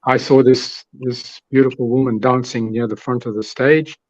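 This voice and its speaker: Flat-voiced man on muffled call audio. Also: mid-range voice, moderate pace, no room sound. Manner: relaxed, rambling storyteller. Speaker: musician guest. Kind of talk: casual storytelling chat. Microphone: video call.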